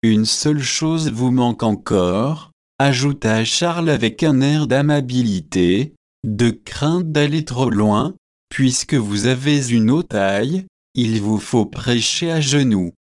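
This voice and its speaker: A wry young man who teases with a dry, mocking edge, as a man reads him. His delivery is slow and unhurried. The recording is dry and close-miked. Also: medium pitch, animated, no room sound. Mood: teasing.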